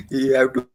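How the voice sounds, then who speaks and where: A man chatting casually in an online audio room, hesitant and full of fillers, his connection cutting out and breaking up. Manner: hesitant, restarts with many fillers. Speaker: community member calling into an online audio room. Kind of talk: casual chat.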